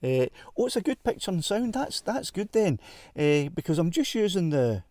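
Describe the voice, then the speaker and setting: A man's voice: sits high, very animated, moderate pace, warm tone, dry recording. A Scottish man hosting a casual live stream from a car, chatty and self-deprecating, laughing often, on a clip-on mic. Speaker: livestream host. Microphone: clip-on wireless mic.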